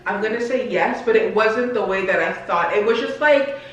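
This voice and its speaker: A woman's voice: medium pitch, moderate pace, highs cut off. A young woman in casual chat, reflective and full of "like" fillers. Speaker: podcast co-host. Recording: echoey room, mic at a distance.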